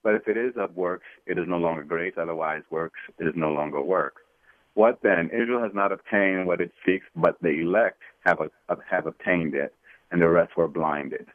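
A man phoning into a radio call-in show, his very deep voice squeezed through a tinny phone line with a dry, close sound. He talks hesitantly, stopping for ums and restarting his sentences. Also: moderate pace, no echo. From Florida, USA. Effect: radio show caller over a phone line. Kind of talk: call-in question to a Bible teacher.

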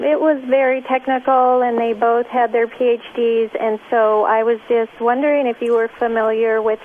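A woman calling in to a radio show over the phone, asking her question hesitantly with many ums and restarts. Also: a little high. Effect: radio show caller on a phone line. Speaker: caller. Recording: tinny phone line with faint noise.

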